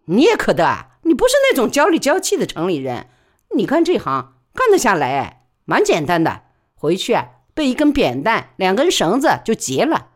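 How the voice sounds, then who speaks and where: A woman storyteller voicing a loud, coarse and boastful middle-aged female porter in a Wuhan dialect. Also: mid-range voice, wildly swooping pitch, moderate pace, voice pushed up. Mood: hearty.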